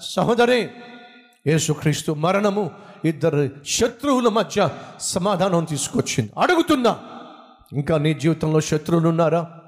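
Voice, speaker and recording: A male pastor preaches emphatically, piling up repeated lists and speaking straight to the listener. His voice sits high for a man, and a long hall reverb trails after each phrase. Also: lively intonation, moderate pace. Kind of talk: sermon.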